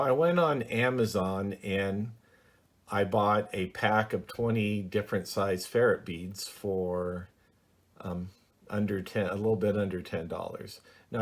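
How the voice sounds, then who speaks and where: A middle-aged man who hosts radio hobby videos gives a casual how-to demonstration from his home office, explaining a hobby project in a plainspoken, hesitant way full of ums. His voice is fairly low in pitch with a darkish tone.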